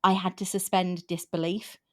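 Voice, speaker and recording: A woman in her fifties hosts a relaxed book discussion. Her voice sits a little low, and she wanders through her thoughts, often restarting her sentences. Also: normal speed. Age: 50s. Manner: rambling, with frequent restarts. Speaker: podcast host. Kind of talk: casual book chat.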